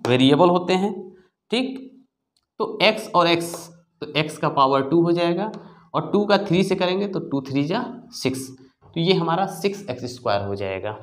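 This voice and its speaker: A man's voice: a little high, animated, normal speed. A man teaching a maths lesson to children, explaining step by step and asking questions that he answers himself. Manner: explains step by step, checking with "ठीक है बच्चों"; asks the class questions and answers them himself.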